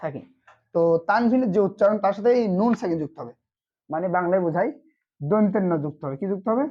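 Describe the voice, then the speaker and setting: Quick-talking Quran teacher, dull sound. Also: mid-range voice, lively intonation. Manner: repeats questions and answers them himself. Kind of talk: online lesson.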